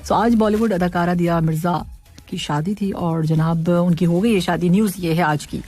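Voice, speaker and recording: A woman's voice: fairly low pitch, fairly even intonation, normal speed, darkish tone, no room sound, faint music behind. A woman hosting an evening radio show, chatting casually, reading listener messages and poetry, and laughing often.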